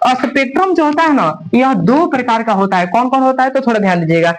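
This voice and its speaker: High-voiced physics teacher with tinge. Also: male voice, lively intonation, fast talker, poor audio. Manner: repeats questions and has students answer, calls them "babu". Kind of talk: classroom lecture.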